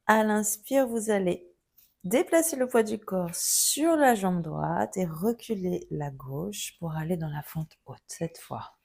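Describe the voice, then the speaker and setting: A woman teaching a yoga class, giving calm, gently guiding cues through each pose. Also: lowish voice, takes it slowly, creaky. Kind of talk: guided yoga instruction.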